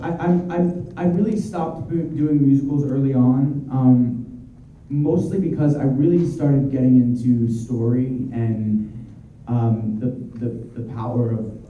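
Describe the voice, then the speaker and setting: Warm in tone and a little slow, a man in his thirties talks with fans at a convention Q&A, chatty and meandering with frequent fillers and restarts. He's a voice actor with a mid-range voice and fairly even intonation. Heard from a distance in an echoey hall, the audio is muffled with slight background noise.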